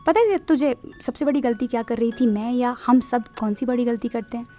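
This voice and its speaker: A woman voicing a cheerful married friend who gives coaxing, lively advice in a spoken story. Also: fairly high pitch, a little fast, faint music behind, lightly acted. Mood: confiding.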